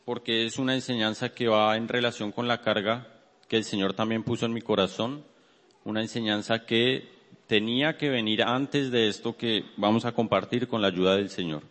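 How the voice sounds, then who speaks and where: A man's voice: lowish voice, steady tone, moderate pace, fairly bright tone. A man preaching earnestly, praying aloud and then teaching from scripture to his congregation. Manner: earnest, repeats "Señor" often in prayer. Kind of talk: prayer and bible teaching. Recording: long hall reverb.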